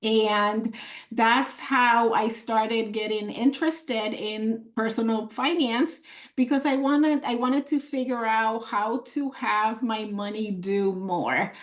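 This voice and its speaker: Woman from the Dominican Republic, financial coach on a video call, slightly high voice, slow and encouraging, lots of fillers. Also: steady tone. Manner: warm and encouraging, with frequent fillers and restarts. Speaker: financial coach and workshop presenter. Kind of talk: online workshop presentation. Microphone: computer mic on a video call.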